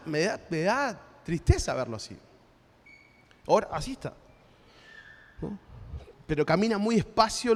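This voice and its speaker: A man's voice: sits high, in a large hall. A man with an Argentine accent preaching a sermon as pastor, in a conversational way with frequent tag questions. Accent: Argentine Spanish.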